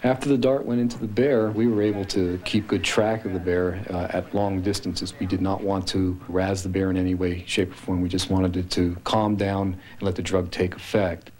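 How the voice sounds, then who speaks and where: Low flat guy explaining what went down, interview style. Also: moderate pace, few pauses. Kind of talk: interview recollection.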